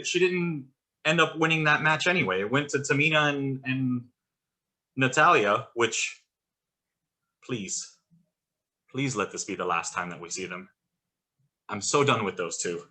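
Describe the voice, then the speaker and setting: Male co-host, mid-range pitch, casual and blunt, exasperated tone. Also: normal speed, pauses often, pushed and bright. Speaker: podcast co-host. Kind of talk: casual chat about wrestling.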